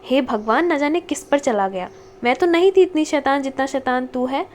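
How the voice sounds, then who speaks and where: A woman's voice: high-pitched, lively intonation, moderate pace, a little mellow, a little hiss or hum. Woman reading as a curt, scolding young wife. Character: sharp-tongued young wife and mother. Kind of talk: audiobook character reading.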